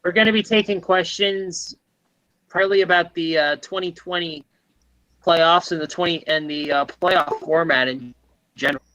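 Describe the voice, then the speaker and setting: A man co-hosting a casual podcast, setting up a listener question session in quick chat. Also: a little high, fairly even intonation, bright, forceful tone, poor audio.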